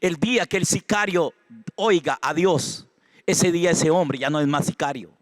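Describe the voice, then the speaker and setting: A man preaching a sermon with a Costa Rican accent, swinging from hushed prayer to loud exhortation. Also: a little high, normal speed, no echo, studio quality. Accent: Costa Rican Spanish. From Costa Rica. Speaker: pastor. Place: church sanctuary.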